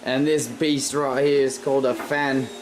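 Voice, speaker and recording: A man doing a flat, deadpan nature-documentary narrator. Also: medium pitch, a little slow, close to an everyday voice. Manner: deadpan, flat spoof commentary. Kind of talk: comic nature-documentary parody.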